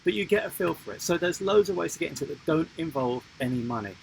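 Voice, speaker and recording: A man with a gravelly edge and a higher-than-usual pitch talks in a joking, rambling way that often breaks off and restarts. His voice swings up and down as he answers viewer questions on a live stream. Faint noise sits under the recording. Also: lively intonation, fast, low-quality recording. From England. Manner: jokey, rambling, self-interrupting. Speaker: sailing vlog co-host.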